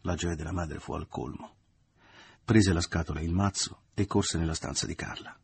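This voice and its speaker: A man narrating a novel in a measured literary reading. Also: low-pitched, vocal fry, husky. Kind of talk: audiobook reading.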